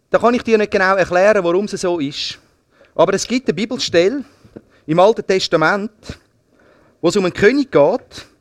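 A middle-aged man with a Swiss German accent preaching a sermon, telling stories in a lively way, repeating words and swinging between hushed and loud passages. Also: high voice, dry recording, studio quality. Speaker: pastor.

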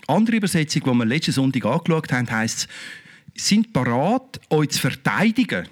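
Fervent high-voiced Swiss preacher man. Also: big pitch swings, normal speed. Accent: Swiss German. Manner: exclamatory, fervent, peppered with rhetorical questions. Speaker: pastor. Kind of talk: sermon.

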